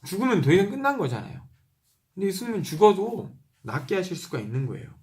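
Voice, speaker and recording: Man reading scripture slowly. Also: high voice, sing-song, darkish tone. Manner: reads slowly, repeating verses and pausing to explain. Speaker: Bible reader. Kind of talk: reading scripture aloud with commentary.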